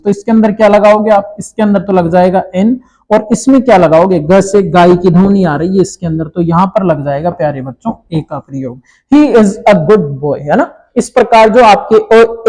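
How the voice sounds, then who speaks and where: A man teaching an English grammar lesson to children, explaining slowly and checking in often. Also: sits high, a little mellow, low-quality recording.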